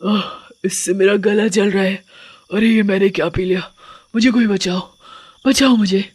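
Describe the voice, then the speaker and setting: A woman's voice: mid-range voice, steady tone, darkish tone, slightly rough, dry recording, natural voice. A woman doing a cackling drunken witch. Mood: shrieking pain. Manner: drawn-out chanting, cackles, shrieks in pain.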